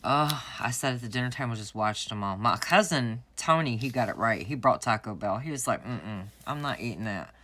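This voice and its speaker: A planner vlogger chats and tells stories while setting up her planner at home, laughing often in this casual crafting talk. Her bass voice is fairly bright, with lively intonation and a brisk pace that leaves hardly any pauses.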